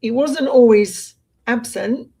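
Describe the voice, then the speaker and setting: A woman from Britain co-hosting a casual podcast chat, talking in an animated way with restarts and laughs. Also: on the high side, slow, gravelly, husky, poor audio. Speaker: co-host.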